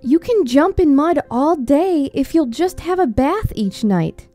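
A woman voicing a gentle, loving queen who speaks in a coaxing way. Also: sits high, animated, unhurried, faint music behind, voice pushed up.

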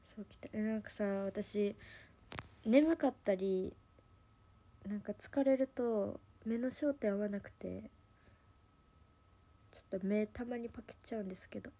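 A young woman hosting an idol livestream rambles casually through a story with lots of fillers, in a Kansai Japanese accent. Her voice is medium-pitched and dark in tone, unhurried, with long pauses.

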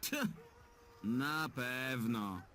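A man's voice: mid-range voice, extremely slow, a bit bright, slight background noise. An actor voicing a sarcastic, sulky talking male bird in a dubbed adventure game. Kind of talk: game dub voice acting.

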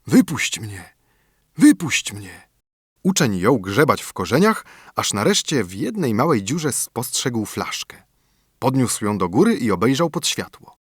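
A man reading a fairy tale aloud as an audiobook narrator, in expressive, lively storytelling. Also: medium pitch, moderate pace, slightly rough, no echo, clean studio sound.

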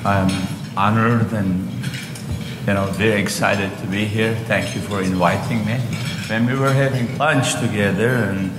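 Speaking unhurriedly in a lowish, steady voice, a man in his sixties from Istanbul with a Turkish accent recounts his story on stage as a guest speaker; he develops real estate, and his speech is full of fillers and restarts. A lapel mic records him in a large hotel ballroom luncheon, where long reverb and background noise of clinking cutlery and loudly clattering dishes fill the room.

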